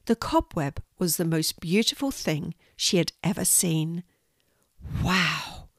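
Older woman, storyteller; gentle, lower voice, dry close recording. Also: animated, unhurried, dry recording. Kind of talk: children's story reading.

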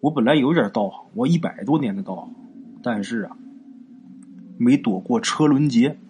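A frightened old weasel spirit pleads for release in a thin, high voice, as a male storyteller puts it on. It lives inside a folk ghost tale, begging and wheedling. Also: expressive, moderate pace, darkish tone, a little hiss or hum, lightly acted. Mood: pleading. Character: long-dead weasel spirit possessing a man, pleading.

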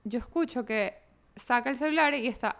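A woman, co-hosting a podcast in casual chat and telling stories with lively impressions. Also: on the high side, moderate pace, vocal fry. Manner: animated storyteller, mimics others' voices, laughs often. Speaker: podcast co-host.

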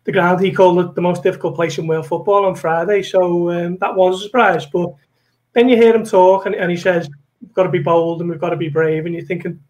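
A man's voice: high voice, steady tone, a little fast, darkish tone, poor audio. A British man giving casual football analysis as a correspondent guesting on a podcast.

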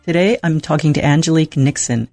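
A woman's voice: deep voice, quick pace, mellow, dry recording. A woman hosting a book podcast, reading a scripted introduction and asking questions politely with hesitant fillers. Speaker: podcast host.

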